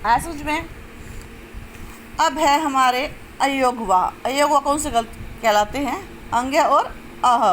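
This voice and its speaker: A woman teaching a grammar lesson step by step, asking questions and answering them herself, and drawing out sounds slowly to show them. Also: high voice, a bit bright, slight background noise, rough recording. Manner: explains step by step, asks and answers own questions. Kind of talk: classroom-style lesson.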